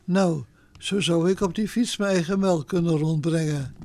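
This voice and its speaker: A woman's voice: lowish voice, normal speed, darkish tone, natural voice. A woman voicing a daring, headstrong female cow in a children's story, chatting eagerly.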